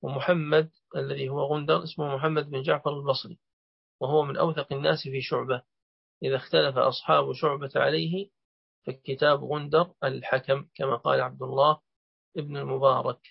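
A man's voice: medium pitch, level tone, a little fast, gravelly, breathy edge, no echo. A man teaching a hadith collection, quizzing his student and then explaining each point at length. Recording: dull lo-fi recording.

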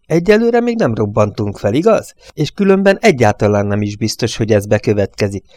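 A man reading an audiobook voices a gruff, impatient truck driver who talks bluntly and mockingly. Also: on the low side, very animated, a little mellow.

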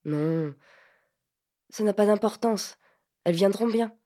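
A woman reading an audiobook, voicing a calm, gently teasing sixteen-year-old boy. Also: medium pitch, lightly acted. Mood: hushed. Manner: soft, unhurried, coaxing. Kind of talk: audiobook character voice.

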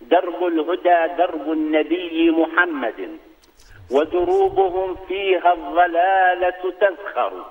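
A man's voice: on the high side, fairly even intonation, unhurried. A man on a phone call, giving a formal greeting and then reciting a poem in a declamatory manner. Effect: heard over a phone line. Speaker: phone-in guest poet. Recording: tinny phone line.

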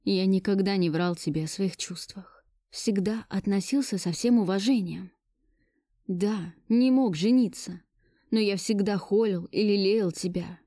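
A woman's voice: mid-range voice, unhurried, dark tone, dry recording, studio quality, natural voice. A woman voicing a domineering, possessive rich man who barks orders, in her own everyday voice. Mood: pleading. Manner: commanding, barking orders.

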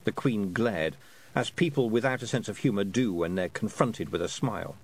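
A man narrating an audiobook in an expressive storytelling manner. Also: on the low side, moderate pace, poor audio.

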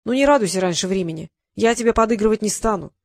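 A woman's voice: mid-range voice, quick pace, vocal fry, no echo, studio quality, natural voice. A woman voicing a grumpy, talkative male creator who lectures and grumbles, in an audiobook reading. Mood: grumbling. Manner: irritable, lecturing, sighing.

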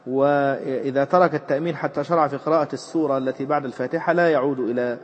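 Sheikh explaining jurisprudence. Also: male voice, fairly even intonation, very fast. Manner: reads a passage aloud, then explains it with fillers and repetition. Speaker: Islamic jurisprudence teacher. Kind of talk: explanatory lesson on a classical text. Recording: muffled low-fidelity recording with faint background noise.

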